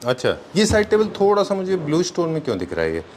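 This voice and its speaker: A man's voice: a little high, quick pace, slight background noise. A man with an Indian accent, casually touring a furniture showroom and asking about designs, mixing in English phrases. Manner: animated, switches freely between Hindi and English, short affirmations. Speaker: host touring a furniture store. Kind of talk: casual conversational walkthrough.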